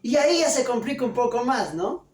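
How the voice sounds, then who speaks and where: A pastor delivering a sermon, loud and emphatic, full of rhetorical questions. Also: male voice, very high-pitched, big pitch swings, a little fast. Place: church. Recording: echoey church from a distance.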